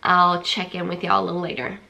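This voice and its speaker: This woman's fairly low voice is completely flat, a little fast and sharp, with vocal fry and slight background noise. She's a vlogger chatting casually at home in a small room, congested and rambling with restarts and fillers, recorded on a camera or phone at arm's length.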